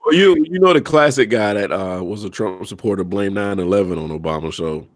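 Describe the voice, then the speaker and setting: Laid-back low-voiced man chatting. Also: expressive, brisk, no room sound. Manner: laid-back, joking, swears freely. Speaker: podcast co-host. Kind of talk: casual chat.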